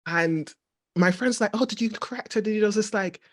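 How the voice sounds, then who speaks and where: A woman hosting a podcast, chatting casually and telling a story with lively quoted reactions. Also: mid-range voice, brisk. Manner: animated storytelling, frequent laughter. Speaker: podcast host. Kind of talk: casual conversation.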